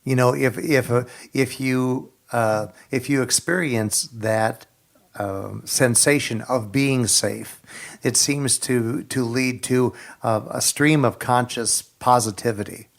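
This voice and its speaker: Male podcast co-host, mid-pitched voice, friendly and lightly joking. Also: slow, gravelly. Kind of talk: podcast hosting.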